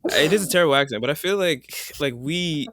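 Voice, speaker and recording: A man hosting a casual podcast chat, relaxed and slangy, laughing often. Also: fairly high pitch, a little fast, gravelly, no echo. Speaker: podcast host.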